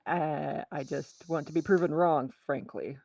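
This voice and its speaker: A woman co-hosting a podcast, reacting to her co-host's story with quick questions and wry asides. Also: low voice, vocal fry, a little mellow, no room sound. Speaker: podcast co-host. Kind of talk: casual chat. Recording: dry, dull lo-fi podcast audio.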